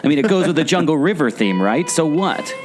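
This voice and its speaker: This man, a podcast co-host who used to be a theme park skipper, performs a doubtful, confused sidekick in a scripted audio play, with a theatrical style over guitar music. His voice runs high and sing-song, and he talks a little fast.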